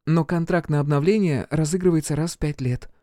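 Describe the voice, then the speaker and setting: A man voicing a brisk young woman on a spaceship crew, answering quickly and pertly. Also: on the high side, warm tone, no room sound, clean studio sound, voice pushed up, lightly acted. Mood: explaining.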